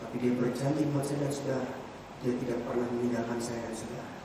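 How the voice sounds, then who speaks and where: A man pastor preaching a sermon in an Indonesian accent, driving home repeated refrains and swinging from loud peaks back to calm. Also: medium pitch, quick pace, noisy background. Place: church hall. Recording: echoey hall, voice from far off.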